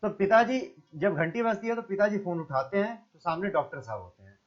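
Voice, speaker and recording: A man with a high voice teaches a class. He reads lines from a play and explains each one in simple everyday words. The sound is dull and lo-fi. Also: animated, a little fast. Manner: reads lines aloud, then retells them in plain words. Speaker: Hindi teacher. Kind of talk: reading and explaining a play script.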